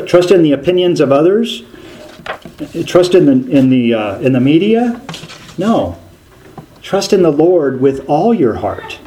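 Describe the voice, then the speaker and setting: A man preaching a sermon, telling a story in an animated way and often restarting his sentences. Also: on the high side, rough recording.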